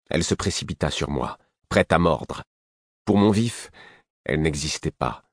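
Low-voiced man reading a fantasy novel. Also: dry recording, studio quality. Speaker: audiobook narrator.

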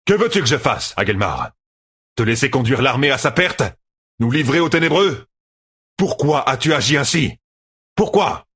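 A man's voice: fairly low pitch, very animated, moderate pace, fairly bright tone, husky, voice pushed up, exaggerated voice. A man voicing a stern male army commander who gives clipped, urgent orders in a raised, commanding voice. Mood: angry.

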